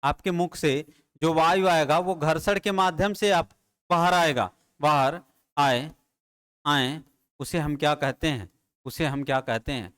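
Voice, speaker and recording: In a classroom, a man teaches Hindi grammar at a board, speaking a little slowly in a slightly high, fairly even voice that is somewhat bright, clear and resonant. Addressing his students familiarly, he drills terms by asking questions and answering them himself again and again.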